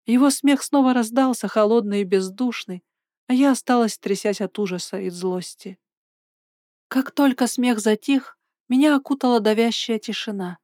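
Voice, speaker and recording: A woman narrating a first-person fantasy story in a steady, dramatic reading. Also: a little high, normal speed, no room sound, clean studio sound.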